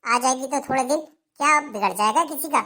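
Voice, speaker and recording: A melodramatic older mother-in-law who taunts and wails, as a woman voices her for a cartoon. The voice sits a little high and talks in a scolding, complaining sing-song. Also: a little fast, bright, forceful tone. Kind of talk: Hindi cartoon dialogue.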